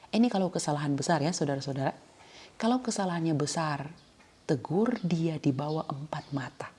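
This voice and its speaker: A woman pastor with a Manado Malay accent preaching a sermon, swinging from hushed whispers to sudden loud rises. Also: sits low, slight background noise.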